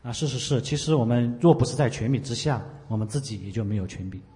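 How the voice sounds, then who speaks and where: A man interpreting a sermon live, talking quickly with frequent "ah" fillers. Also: mid-range voice, expressive, dark tone. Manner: rapid, with frequent "ah" fillers and restarts. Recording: echoey hall with long reverb.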